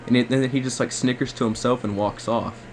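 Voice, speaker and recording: On a recorded call with faint noise behind it, a man poses as a customer for a prank and lodges a polite complaint. He speaks quickly at a medium pitch with fairly even intonation, faltering and looping back over his own phrasing.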